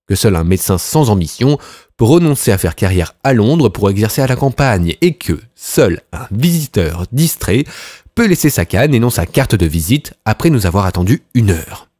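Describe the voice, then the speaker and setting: A man voicing Sherlock Holmes, crisp and self-assured. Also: on the low side, sing-song, normal speed, warm tone, no echo, clean studio sound. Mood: lecturing. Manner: confident, precise, lecturing deductions. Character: brilliant, self-assured male detective, dry and incisive.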